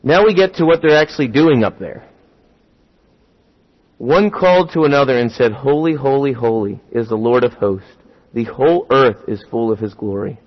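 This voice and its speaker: A man's voice: mid-range voice, normal speed, dull audio. A man preaching a sermon, talking through rhetorical questions and building to emphatic, rising points.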